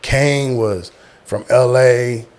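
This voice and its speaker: A man's voice: medium pitch, very slow. Middle aged guy w just telling his stories, acts out the quotes, repeats words for punch. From small-town Texas, United States. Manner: animated retelling, acting out quotes, repeating words for emphasis. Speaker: guest, military veteran. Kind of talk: casual personal storytelling.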